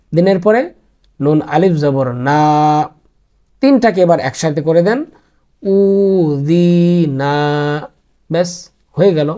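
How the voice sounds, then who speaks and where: A man's voice: fairly high pitch, dark tone. A man teaching a Quran reading class online, patiently repeating each spelling rule and mixing in English words.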